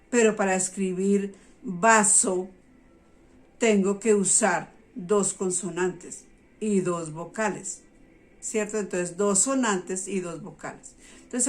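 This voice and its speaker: Patient woman teacher explaining to parents. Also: mid-range voice. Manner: patient, checks in with listeners often.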